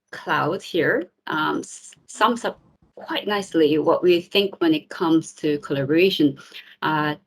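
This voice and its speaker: Upbeat woman presenting at an online meetup. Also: deep voice. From South Korea, raised in New Zealand. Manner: friendly, upbeat, with filler ums. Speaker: tech community speaker. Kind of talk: presentation talk.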